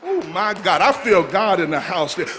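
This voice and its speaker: A middle-aged man preaching a call-and-response sermon in a church, repeating phrases and shouting for emphasis. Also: high-pitched, moderate pace. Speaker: pastor. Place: church sanctuary.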